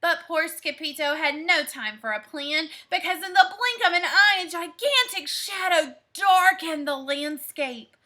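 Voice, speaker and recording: Woman teacher reading a storybook to kids; very high, bright, slow and lively. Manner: expressive, stops to explain and point things out. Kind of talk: picture book read-aloud.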